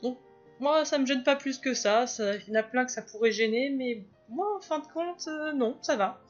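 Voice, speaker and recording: A woman's voice: sits high, moderate pace, muffled recording, soft background music. A woman chatting casually over her drawing video, rambling and hesitant with lots of fillers and restarts. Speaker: drawing vlogger.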